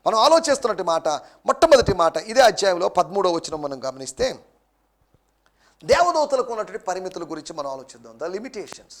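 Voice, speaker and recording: A male pastor preaching a sermon emphatically, repeating key lines slowly in English. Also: sits high, sing-song.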